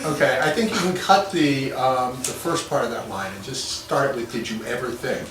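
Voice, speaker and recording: A man's voice: medium pitch, big pitch swings, moderate pace. A man coaching actors through a scene, giving thoughtful notes that he often restarts. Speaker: acting coach. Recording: echoey room from a distance, noisy.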